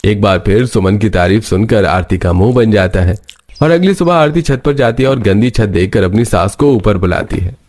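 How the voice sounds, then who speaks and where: A man narrates a cartoon story with a steady, even storytelling manner. His voice sits low. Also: normal speed.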